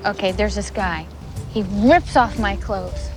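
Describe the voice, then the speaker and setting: An actress playing an opinionated young woman in a romantic comedy, speaking in a quick, pointed, teasing way. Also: medium pitch, music in the background, close to an everyday voice. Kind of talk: film dialogue.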